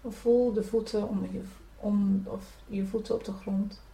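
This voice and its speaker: A woman leading a guided spiritual meditation, giving gentle, soothing instructions to breathe and relax. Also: mid-range voice, fairly even intonation, unhurried. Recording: echoey room, from a distance.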